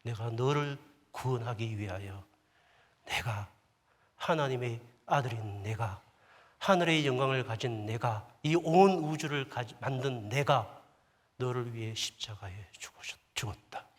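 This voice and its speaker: A male pastor voicing the Lord as a gentle inner voice, soft and sometimes whispered, in a sermon. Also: mid-range voice, unhurried, lightly acted. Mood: tender. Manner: soft, hushed, at times whispered. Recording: long church hall reverb.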